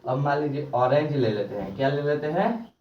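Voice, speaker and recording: A man's voice: fairly high pitch, moderate pace, far from the mic. Man, teacher, repeats every question, echoey room, mic set back, dull lo-fi sound. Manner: repeats questions and answers them himself, drilling. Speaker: English grammar teacher. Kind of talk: classroom lecture.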